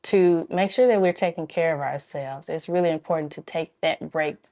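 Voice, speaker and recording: Woman, from Memphis, deep voice, interview guest, friendly, talkative. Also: normal speed, warm tone. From Memphis, Tennessee. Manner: friendly, laughs often, explains at length. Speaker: guest, club co-founder. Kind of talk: casual interview talk.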